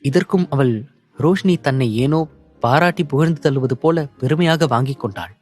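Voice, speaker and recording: A man reading an audio novel as narrator in a steady, measured storytelling manner. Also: fairly high pitch, faint music behind.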